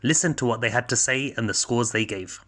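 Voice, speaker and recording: A man's voice: mid-range voice, fairly quick, pushed and bright. A man hosting a food tasting, chatting enthusiastically as he eats and rates each bite. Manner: enthusiastic, talks while chewing. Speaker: food reviewer host. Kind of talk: casual food tasting commentary. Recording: echoey room.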